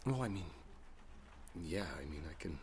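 In an intimate ASMR roleplay, a low-voiced man plays a gentle musician boyfriend coaxing his partner to sleep, speaking softly, slowly, and soothingly with a tender, reassuring mood. Steady rain ambience runs behind him throughout.

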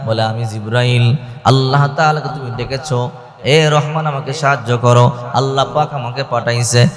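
A man's voice: mid-range voice, fairly even intonation, normal speed, music in the background. Man preaching in an echoey hall. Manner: dramatic, acts out characters' lines, chants Arabic verses. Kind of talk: sermon storytelling. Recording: echoey hall with long reverb.

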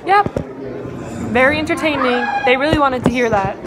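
A woman's voice: sits high, moderate pace, over loud music. A teenage girl vlogging in a casual, playful, chatty way, often exclaiming. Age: teens. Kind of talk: casual vlog chat. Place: school classroom and home. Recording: loud crowd and background noise.

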